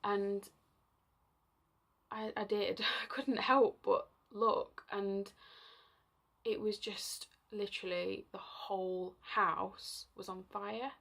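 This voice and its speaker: Young woman vlogger, rambling confessional storyteller, gravelly fry under a mid-pitched voice. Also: steady tone, takes it slowly, a bit bright. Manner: chatty, full of fillers, emotional at times.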